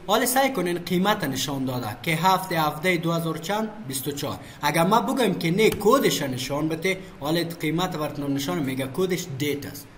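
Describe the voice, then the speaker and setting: A man's voice: a little high, slight background noise. A man giving a screen-recorded computer lesson, asking questions and answering them himself. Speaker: computer teacher. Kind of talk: screen-recorded software tutorial.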